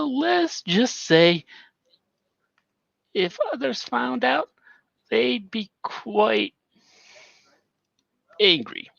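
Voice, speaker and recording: A man's voice: extremely high pitch, vocal fry, a bit bright, no room sound, lo-fi sound, voice pushed up, exaggerated voice. A man voicing a secretive male informant with a voice modulator, talking in a sly sing-song way. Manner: sing-song, wheedling, theatrical.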